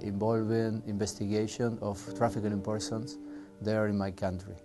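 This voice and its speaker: A man from Argentina, a native Spanish speaker with an Argentine accent, speaking earnestly in an interview as a federal prosecutor, halting with restarts. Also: fairly low pitch, little pitch movement, music in the background.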